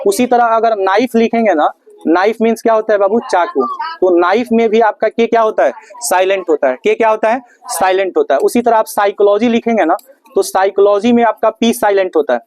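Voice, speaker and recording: A man's voice: high-pitched, a little mellow. A man teaching English grammar in a classroom lesson, asking questions and answering them himself. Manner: asks questions and answers them himself, repeats key words; calls listeners "babu".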